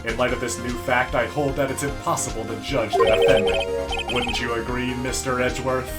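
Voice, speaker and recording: A man's voice: mid-range voice, flat delivery, normal speed, over loud music, pitched below the performer's own voice, close to an everyday voice. A man voicing an earnest young defense lawyer in a game read-along, emphatic and argumentative. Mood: accusing. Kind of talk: video game read-along role-play.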